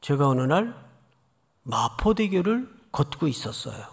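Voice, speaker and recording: A man preaching an expository sermon as pastor, dramatic, swinging between loud cries and hushed asides. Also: on the high side, very animated, unhurried, vocal fry, slightly rough. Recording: long hall reverb.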